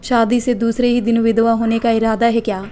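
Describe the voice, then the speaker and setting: A woman voicing a teasing, wisecracking young husband in a storybook, in an even, flat delivery. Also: on the high side, fairly quick, lightly acted.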